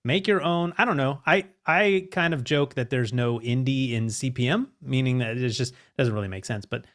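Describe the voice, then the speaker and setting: A man's voice: mid-range voice, normal speed, a bit bright. Joking man leading a podcast chat. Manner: chatty, joking, leads the discussion. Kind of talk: casual panel chat.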